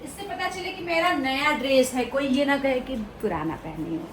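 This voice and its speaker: A woman's voice: high-pitched, big pitch swings, moderate pace. A woman chatting casually at home, answering with teasing, matter-of-fact retorts. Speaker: vlogger's wife. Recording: distant, roomy, noisy home audio.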